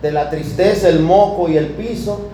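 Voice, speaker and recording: Man, preacher, sermon storytelling, slightly high voice, emphatic drawn-out words, echoey room. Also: warm tone. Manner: emphatic, varies pace, drawls key words. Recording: echoey room with air conditioning hum.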